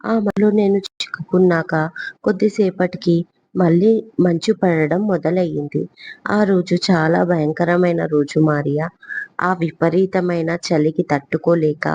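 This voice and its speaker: A woman's voice: fairly low pitch, dark tone, breathy edge, highs cut off. A woman voicing a playful, bold young heroine in a spoken audio story. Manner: teasing, spirited.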